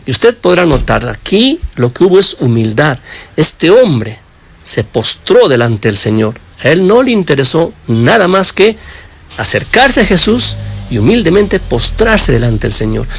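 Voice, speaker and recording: A man preaching a sermon with passion, addressing his listeners directly and swinging between raised high emphasis and low hushed phrases. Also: big pitch swings, a little slow, vocal fry, husky.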